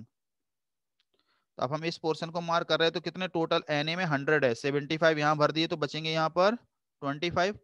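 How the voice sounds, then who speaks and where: Patient male math teacher, crisp dry voice. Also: fairly high pitch, fairly bright tone, no echo. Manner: patient, coaxing, calls students "beta"; slows down to read formulas aloud in English. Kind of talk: math revision lecture.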